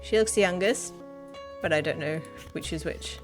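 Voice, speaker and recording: A woman plays through a mystery game, chatting casually and joking at her own expense while reading the text aloud. Her voice sits a little low. Guitar music plays behind her. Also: moderate pace. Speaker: gaming channel host. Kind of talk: casual let's-play commentary.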